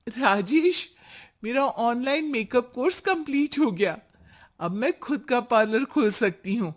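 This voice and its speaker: A woman's voice: a little high, lively intonation, measured pace. A woman voicing a cheerful, hopeful young wife who talks earnestly with her husband in a cartoon story. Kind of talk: cartoon voice acting.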